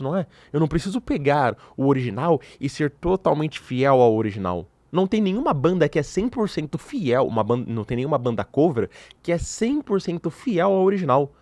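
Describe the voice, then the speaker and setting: A young adult man hosting a podcast, giving his opinions in an animated, playfully provocative casual way, from Brazil. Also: on the high side, no room sound. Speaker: podcast host. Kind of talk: casual commentary to camera.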